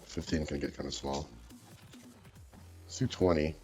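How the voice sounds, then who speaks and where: A man's voice: extremely low pitch, steady tone, measured pace, darkish tone, faint music behind. A man talking through a voice changer, rambling and thinking aloud in casual chat while he codes. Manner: rambling, hesitant, muttering to himself with many fillers. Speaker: streamer coding a website.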